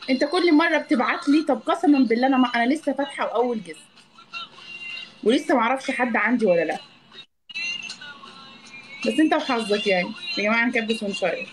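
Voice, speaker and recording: A woman's voice: a little high, lively intonation, fast talker, pauses often, music in the background, poor audio. A woman with an Egyptian accent on a live stream, cheering viewers on and repeatedly calling on them to tap and share. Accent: Egyptian Arabic. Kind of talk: casual live-stream banter.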